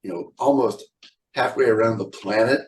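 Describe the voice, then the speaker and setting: A man's voice: fairly low pitch, normal speed, far from the mic, poor audio. A middle-aged man, a square dance caller, chatting in an interview in a blunt, joking, opinionated way. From California. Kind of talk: casual interview chat.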